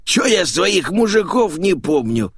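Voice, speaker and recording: A man voicing a drunken, crude, hysterical middle-aged woman in an audiobook, with a husky, slurred, brash voice. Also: sits high, animated, measured pace, exaggerated voice. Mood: brash, coarse. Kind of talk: audiobook character voice.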